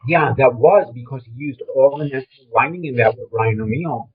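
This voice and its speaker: The interview guest is an older Brooklyn-accented man who spent his career in film trailers and design, recalling it in an emphatic, blunt, conversational way. His medium-pitched voice is a little fast and slightly rough, and the call audio is thin and phone-like.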